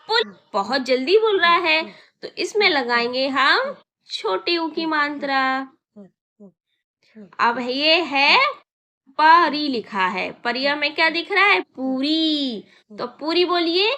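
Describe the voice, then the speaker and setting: A woman with a high, bright voice takes young pupils through a reading lesson at a slow, unhurried pace. She coaxes them along, stretching words out and checking with questions as she goes. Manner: coaxing, repeats words slowly and asks questions. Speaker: primary school Hindi teacher.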